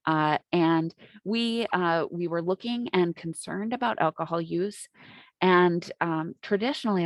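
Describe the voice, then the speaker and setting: An American woman giving an informal, halting webinar presentation, speaking through a face mask. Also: fairly low pitch, no echo. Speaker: webinar presenter, hospital injury prevention coordinator. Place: on site at a hospital. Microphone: microphone, worn with a face mask.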